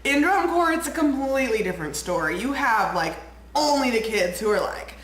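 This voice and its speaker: A young woman with a fairly high, bright voice vlogs in a brisk, bubbly way, her pitch swinging widely as she rambles and says "like" a lot. She sounds a bit nasal and stuffed up from a cold. The casual chat was recorded in an echoey room with faint ambient noise.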